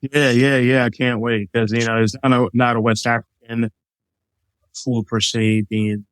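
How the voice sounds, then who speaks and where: A middle-aged chef from Liberia, interviewed casually as a guest, walks through his food with an easygoing manner, many examples and lots of fillers. His mid-range voice is clear, resonant and fairly bright, delivered flatly and a little slowly with no echo.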